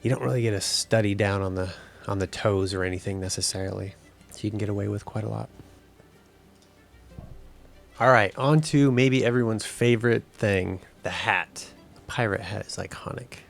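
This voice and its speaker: Relaxed guy in his 30s narrating a game art tutorial, low gravelly voice, soft music behind. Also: a little fast. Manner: relaxed, explanatory. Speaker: 3D game artist.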